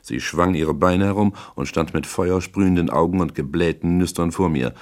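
A man's voice: low voice, moderate pace, a little mellow. A man narrating a hardboiled novel in the first person, in a dry, laconic delivery. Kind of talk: audiobook reading of a hardboiled novel.

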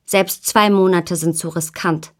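A stern, cautious woman from a close-knit community who warns firmly against any risk, read by a woman narrator. Her voice sits low in an audiobook delivery. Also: fairly even intonation, measured pace, natural voice. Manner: firm, warning. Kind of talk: audiobook character voice.

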